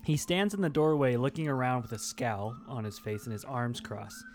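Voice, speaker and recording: A man's voice: medium pitch, normal speed, soft background music. A man running a tabletop game, narrating and asking players questions in a casual way. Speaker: game master.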